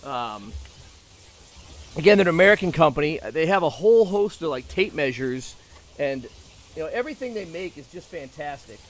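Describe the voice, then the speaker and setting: A man's voice: on the high side, very animated, moderate pace, a little hiss or hum. A man chatting casually and talkatively, with joking asides, as he shows off things. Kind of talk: casual chat about tools.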